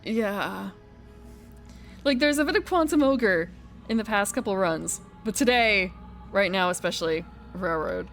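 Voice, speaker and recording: A woman's voice: mid-range voice, lively intonation, unhurried, a bit bright, soft background music. A woman giving chatty, playful live commentary as she plays a video game. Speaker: game streamer. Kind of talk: casual live playthrough commentary.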